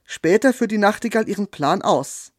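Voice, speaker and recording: Gentle male storyteller, higher voice. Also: expressive, normal speed, dry recording, studio quality. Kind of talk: scripted storytelling.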